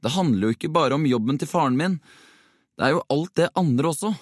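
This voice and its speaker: A man's voice: fairly high pitch, lively intonation, darkish tone, no echo, clean studio sound, pitched above the performer's own voice. A man voicing an upset boy footballer who is about to move abroad, in a storybook reading.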